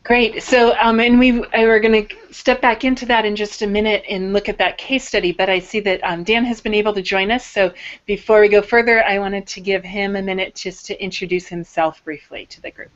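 A woman moderating a panel, upbeat and asking halting questions. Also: medium pitch, fairly even intonation, muffled recording.

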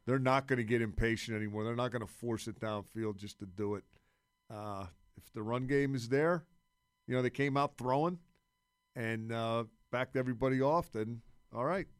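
Halting male sports analyst, dry sound. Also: mid-range voice, clear, resonant tone, no room sound. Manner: halting, repeating words as he works out points. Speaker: sports radio commentator, podcast guest.

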